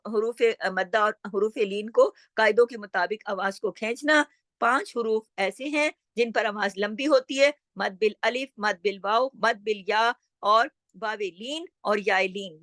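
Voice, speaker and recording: A woman's voice: fairly high pitch, a bit bright, dry recording, studio quality. A woman teaching a tajweed lesson online, patiently explaining and repeating, often asking the viewer a question and answering it herself. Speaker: Quran recitation teacher.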